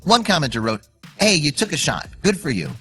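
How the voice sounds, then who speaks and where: Narrating a scripted online-video story, a man builds suspense and leans on emphasis at a fairly quick pace. His voice is bright, forceful and mid-pitched, swinging in a lively way, with soft music running underneath.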